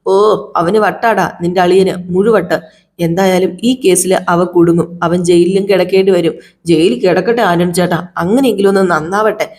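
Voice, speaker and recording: A woman's voice: fairly low pitch, fairly even intonation, a little fast, a little mellow. A woman casually narrating the plot of a TV serial in a chatty, conversational way.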